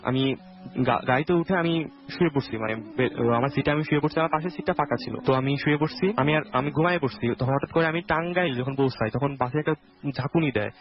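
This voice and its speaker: Halting young man telling a ghost story. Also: medium pitch. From Bangladesh. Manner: halting, many restarts and self-corrections. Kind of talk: casual spoken storytelling. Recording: dull lo-fi radio audio with faint music.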